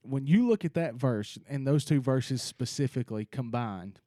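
A man's voice: mid-range voice, moderate pace, dark tone, no echo, clean studio sound. A man hosting a casual faith discussion, earnest and thinking aloud with many restarts.

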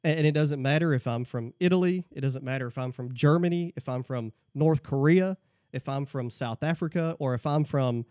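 A man's voice: medium pitch, fairly quick, dark tone, dry recording. Guy explaining bible stuff step by step, keeps saying okay?, dry close mic. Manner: explains point by point, tags lines with "okay?". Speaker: guest. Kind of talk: casual faith discussion.

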